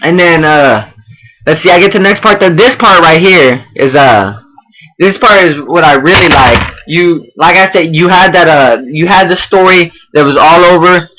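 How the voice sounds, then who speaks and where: A man's voice: a little high, moderate pace, sharp tone, poor audio. Rambling, profane young man. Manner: rambling, profane, many restarts and fillers. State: out of breath. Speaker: online wrestling roleplay host giving feedback. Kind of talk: casual spoken feedback.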